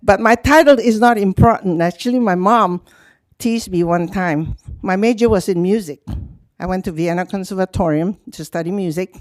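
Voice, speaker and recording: An older woman, addresses a public meeting in an animated, talkative way. Her voice sits at an ordinary pitch. The sound is dry and close. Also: normal speed, no echo. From Hong Kong, grew up in Indonesia. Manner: animated, talkative, frequent laughs. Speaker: nonprofit youth program leader. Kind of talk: speaking at a public city meeting.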